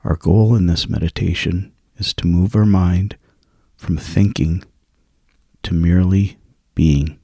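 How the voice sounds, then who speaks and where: Guiding a sleep meditation, a man speaks slowly in a very low, creaky, husky voice, hushed and soothing, with fairly even intonation and long gaps between short phrases. The sound is close and dry, without echo.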